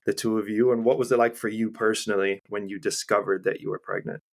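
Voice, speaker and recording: A man hosting a podcast, gently asking questions and reflecting on his guest's story. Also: fairly low pitch, fairly even intonation, fast, creaky. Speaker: podcast host. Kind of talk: interviewing.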